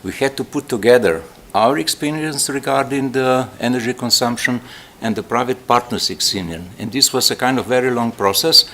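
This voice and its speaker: A man on a conference panel, adding to a colleague's answer in a measured way. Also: mid-range voice, a bit bright, a little hiss or hum. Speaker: presenting project partner. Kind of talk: answering audience questions.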